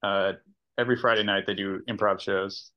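A man's voice: on the low side, fairly even intonation, normal speed, highs cut off. A man with an American accent chats casually as an interview guest, in a hesitant, understated way. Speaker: podcast guest, sketch comedian. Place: remote video call.

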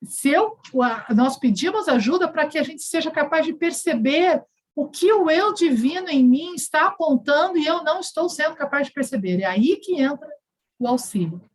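A woman with a high voice leads a spiritual talk over a video call. She explains patiently and keeps checking in with her listeners. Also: animated, moderate pace, low-quality recording. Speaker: spiritual teacher leading an online session.

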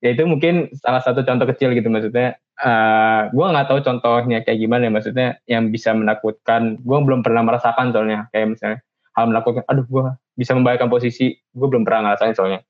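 A young man chatting casually in slang, his voice jumping up as he tells a story. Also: quick pace. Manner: slangy, animated when telling stories, pitch jumps up. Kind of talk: casual chat. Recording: dull, lo-fi sound.

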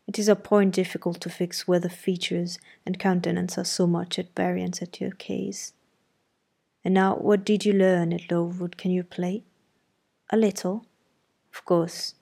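Reading audiobook character dialogue, a woman takes on a brusque, imperious middle-aged gentleman who gives orders and asks sardonic questions. She uses a fairly low pitch with vocal fry.

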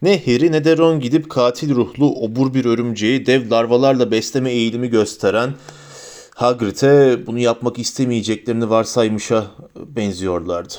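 A man reading a novel aloud as an audiobook narrator, with steady storytelling delivery. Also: mid-range voice, normal speed. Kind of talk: scripted narration.

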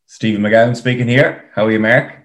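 A man's voice: medium pitch, a little fast. A man with an Irish accent talking casually as a guest in an interview. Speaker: podcast guest, para rower. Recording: roomy, echoing sound.

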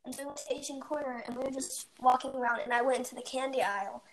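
A teenage girl co-hosts a casual podcast and rambles through a story, piling up fillers as she goes. Her voice sits high. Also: steady tone, very fast. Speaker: podcast co-host. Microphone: home mic, recorded remotely.

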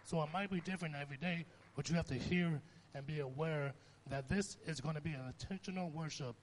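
A man's voice: on the high side, brisk. A young man giving an informal sermon, talking conversationally and telling stories with rising emphasis. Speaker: preacher.

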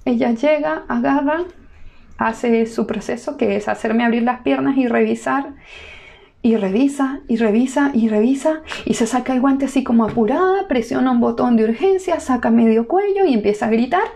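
Gravelly-voiced woman telling a story. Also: on the high side, normal speed. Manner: lively, relaxed, chatty with laughter. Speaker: new mother telling her birth story. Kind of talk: casual storytelling to camera.

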